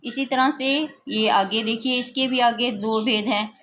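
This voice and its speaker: A woman teacher explaining a grammar lesson, pausing to give examples. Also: on the high side, fairly even intonation, a bit bright. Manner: slow, explanatory, gives examples. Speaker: school teacher.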